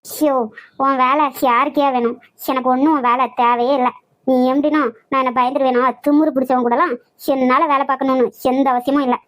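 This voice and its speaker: A woman with a Nagercoil Tamil accent voicing a feisty young woman in a cartoon, loud and quick-tongued. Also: high voice, steady tone, natural voice, rough recording. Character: feisty young woman job-seeker, brash and fearless. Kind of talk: cartoon voice acting.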